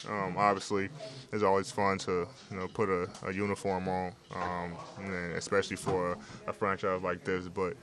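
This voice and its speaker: A young man speaks in a deep voice that hardly rises or falls, answering questions after a game. He talks in a laid-back way, with many fillers and restarts. He is recorded in a locker room with several handheld reporter mics held up to him. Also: completely flat delivery, normal speed, crowd noise. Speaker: basketball player at postgame interview. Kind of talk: postgame press interview.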